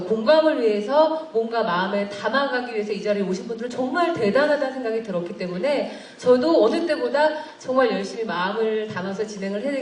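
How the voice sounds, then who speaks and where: A woman's voice: fairly high pitch, a little mellow, a little hiss or hum. A woman in her forties, a broadcast announcer emceeing a talk concert in a large hall, speaking in a chatty way with light laughter. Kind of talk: polished emcee speech. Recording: echoey hall, distant mic, audience around.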